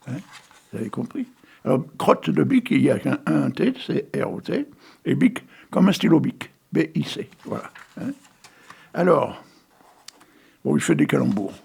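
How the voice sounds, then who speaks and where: Folksy French-accented male radio host, gravelly and husky, reads poems and puns between chatty asides. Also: medium pitch, darkish tone. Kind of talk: casual local radio reading.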